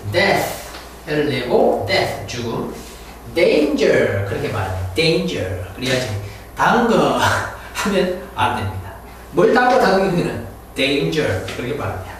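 A male teacher lectures in a roomy, echoing space, heard from some distance off the mic. His voice sits high and swings widely in pitch while he talks slowly. He repeats English words emphatically for his class over a faint room hum. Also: big pitch swings. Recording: echoey room picked up from afar.

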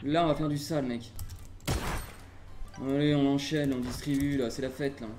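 A man from Burgundy, France, giving playful, excitable live gaming commentary as a streamer, swearing casually as he plays. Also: mid-range voice, normal speed, roomy sound, over music.

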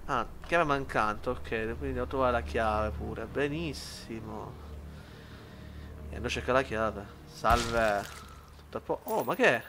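A man giving lively commentary while playing a shooter game, shouting at enemies and muttering between fights. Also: mid-range voice, a little slow, noisy background. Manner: excitable, yells at enemies, then mutters to himself. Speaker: gaming YouTuber.

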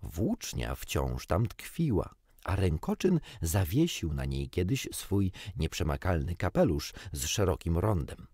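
A man reading a children's storybook aloud with gently wry, expressive storytelling. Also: deep voice, unhurried, slightly rough, no echo, studio quality. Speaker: audiobook reader. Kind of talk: storybook narration.

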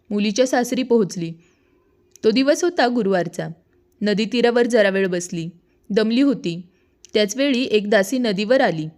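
A woman narrating a devotional folk tale and acting out the characters' quoted lines with feeling. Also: medium pitch. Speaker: storyteller.

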